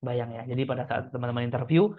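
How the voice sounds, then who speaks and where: A chatty male speaking trainer explains his tips in a relaxed, conversational way. He keeps turning to his listeners and acting out short examples. His voice sits at an ordinary middle pitch, and it comes through thin and narrow, like a phone call. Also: racing. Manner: chatty, addresses listeners as friends, demonstrates examples. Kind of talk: casual teaching talk. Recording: tinny phone-like sound.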